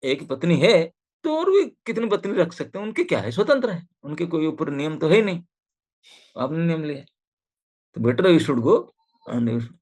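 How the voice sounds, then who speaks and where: Man, swami, lively storytelling sermon, gravelly voice, slightly high pitch, video call audio. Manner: animated retelling, voicing characters in quotes, mixing English phrases. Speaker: swami giving a scripture talk.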